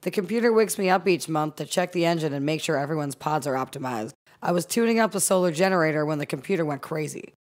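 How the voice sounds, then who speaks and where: A woman playing a gravelly tough ship engineer. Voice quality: low, gravelly voice. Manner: crude, deadpan. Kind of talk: audio drama.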